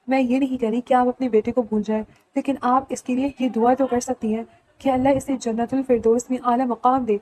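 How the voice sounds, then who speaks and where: A woman's voice: fairly high pitch, little pitch movement, a little mellow, lightly acted, rough recording. A woman reading the lines of a caring but stubborn young woman in an audiobook, earnest and coaxing. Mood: pleading.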